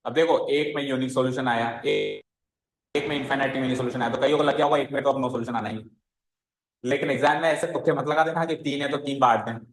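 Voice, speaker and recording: A man's voice: mid-range voice, fast, reverberant, low-quality recording. A male maths teacher, lecturing a class step by step and often checking whether the students are following. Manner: explains step by step, keeps asking the class if they follow.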